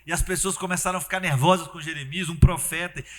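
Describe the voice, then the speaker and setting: A man preaching a sermon in an animated, conversational way. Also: high voice, quick pace. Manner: animated, conversational preaching with acted-out quotes and sudden loud bursts.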